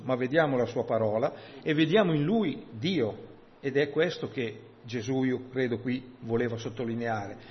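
A man's voice: medium pitch, slight background noise. Man preaching in an echoey hall. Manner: conversational, asks "no?" often, reads scripture aloud. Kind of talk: informal sermon. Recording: dull sound with long hall reverb.

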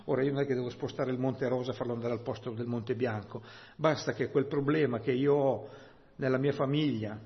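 A male preacher of ordinary pitch, unfolding a Bible passage with slow, weighty emphasis and frequent rhetorical asides to his congregation. The recording sounds dull and muffled, with a long church-hall reverb trailing behind his words. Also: fairly even intonation. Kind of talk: sermon.

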